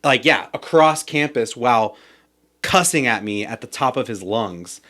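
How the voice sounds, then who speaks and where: A man's voice: medium pitch, unhurried. A young man on a podcast, telling a personal story in casual chat, with plenty of swearing and acted-out quotes. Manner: animated, swears a lot, acts out quoted yelling. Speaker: podcast guest.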